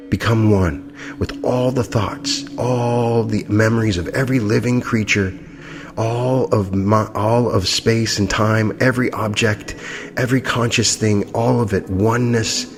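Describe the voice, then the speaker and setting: A man's voice: on the low side, slight background noise. A man leading a guided meditation in a soothing, hypnotic manner. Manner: soothing, hypnotic delivery with repeated phrases. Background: music.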